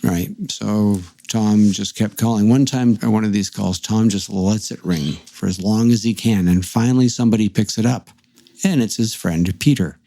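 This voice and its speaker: Low, mellow-voiced man telling a ghost story. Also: normal speed, creaky, no room sound. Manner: conversational, retelling a ghost story with acted-out dialogue. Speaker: podcast host. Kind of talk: casual storytelling.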